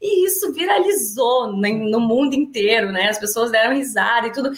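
A woman professor talking in a lively class discussion, often adding tag questions and acting out quoted lines. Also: a little high, normal speed, roomy sound, slight background noise. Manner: animated, tag questions, acts out quoted speech. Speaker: university professor.

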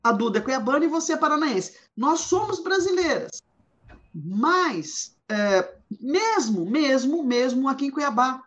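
A woman's voice: high voice, big pitch swings, a little slow, fairly bright tone. A woman from Goiás, Brazil, leading an informal discussion, reading quotes and thinking aloud with many restarts. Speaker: discussion host. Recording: dull lo-fi sound.

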